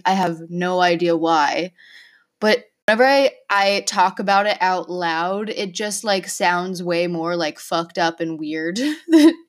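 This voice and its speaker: A woman in her twenties from Oklahoma hosting a casual solo podcast, talking candidly with lots of swearing and filler words. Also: fairly low pitch. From Oklahoma, USA. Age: 20s. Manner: candid, profane, filler-heavy rambling. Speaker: podcast host.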